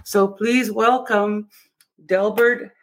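A woman with a Cree accent hosting a casual livestream interview, speaking haltingly and often repeating words. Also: medium pitch, steady tone, a little hiss or hum. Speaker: show host.

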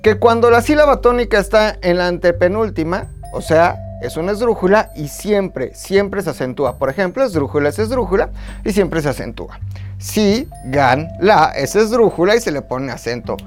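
A man's voice: high-pitched, expressive, moderate pace, soft background music. A man with a Mexican accent hosting a joking podcast, playful and slangy with theatrical turns. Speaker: podcast host.

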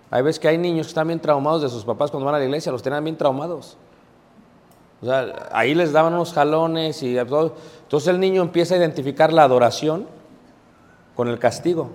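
A man's voice: on the high side, fairly quick, pauses often, darkish tone. A man preaching a conversational Bible class, informal, with many fillers and check-ins to the audience. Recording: long reverb of a large room.

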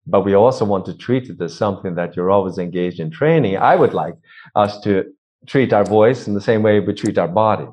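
A man's voice: fairly low pitch, a little fast, a little mellow. A man working as a vocal coach, explaining technique in an interview and demonstrating points with his own voice. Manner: instructive, demonstrates voice techniques aloud. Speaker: vocal and performance coach, guest. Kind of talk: interview conversation. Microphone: cheap microphone. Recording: dull lo-fi microphone.

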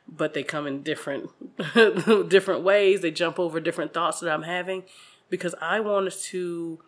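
A woman who does stand-up comedy, chatting casually on a podcast in a playful, animated way. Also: lowish voice, normal speed. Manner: animated, laughs often, playful.

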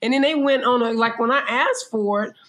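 A woman's voice: fairly high pitch, fairly quick. A woman from Chicago in casual chat, telling funny stories and acting out the people in them. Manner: animated storyteller, acts out quoted voices. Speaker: guest. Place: abroad, living in Thailand.

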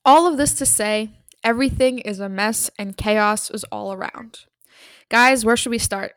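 A woman's voice: a little high, normal speed, no echo. Woman podcast host, dry close sound. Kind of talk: scripted narration and introductions.

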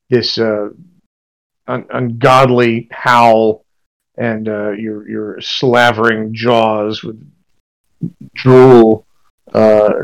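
In poor-quality audio, a male game master leads a tabletop role-playing session. His voice sits at a middle pitch, and he describes each scene in a halting way, piecing it together while he talks.

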